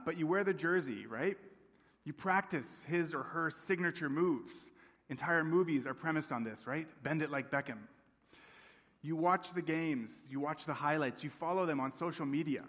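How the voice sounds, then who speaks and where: In a large church sanctuary, a man in his thirties with a mid-range, slightly bright voice preaches a sermon. He's a campus pastor raised in Tanzania, and he speaks in a friendly, conversational way, often checking in with the congregation. The church hall gives the recording a long reverb.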